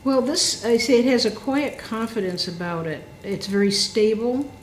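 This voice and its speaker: A woman's voice: fairly high pitch, lively intonation, moderate pace. Enthusiastic woman guest in an echoey room. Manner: enthusiastic, reflective. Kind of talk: casual chat. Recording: echoey room with faint noise.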